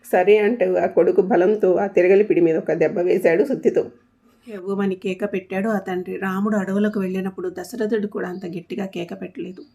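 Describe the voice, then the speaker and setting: A woman narrating a humorous family story in a steady, even reading voice with a light comic touch. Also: medium pitch, fairly quick, muffled recording.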